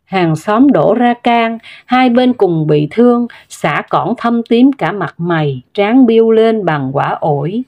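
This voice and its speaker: A woman narrating a story in a steady, measured way, with scripted storytelling delivery. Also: mid-range voice.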